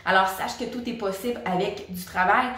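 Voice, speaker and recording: Speaking at a fairly quick clip, a woman with a Québécois French accent gives a casual singing lesson, addressing the viewer in a chatty, direct manner. Her mid-range voice has a fairly bright tone, and the room she's in is very echoey.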